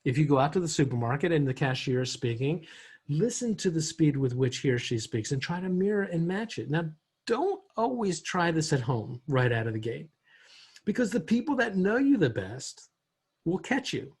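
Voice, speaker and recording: A man giving a recorded training lesson on communication, conversational, often acting out voices and switching pitch and pace to demonstrate. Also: very animated, normal speed, a little mellow, husky. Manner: conversational, asks rhetorical questions.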